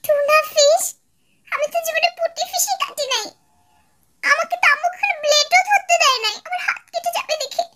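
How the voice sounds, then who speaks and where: একজন নারী কণ্ঠ দিচ্ছেন এক আদুরে, ঘ্যানঘেনে তরুণী বউয়ের চরিত্রে। খুব উঁচু, কচি গলায় অভিমানী সুরে মুখে মুখে কথা বলে। এক ফ্যান-ডাব নাটকের চরিত্র।. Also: female voice, very high-pitched, fairly quick, noisy background. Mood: whining. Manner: whiny, sulky, talks back. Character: pampered whiny young elder daughter-in-law. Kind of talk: fan-dub radio drama.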